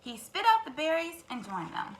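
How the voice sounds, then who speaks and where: During storytime, a teacher with a high-pitched voice reads aloud at normal speed, expressive and chatting directly to the young children between lines. Clear background noise comes through in the low-quality recording.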